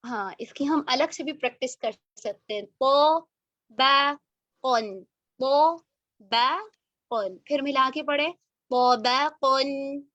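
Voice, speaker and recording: A woman teaching Quran recitation online, drawing verses out slowly for repetition, then correcting and praising briskly. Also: high voice, sharp tone, dry recording, dull audio. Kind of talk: online tajweed lesson, call and repeat.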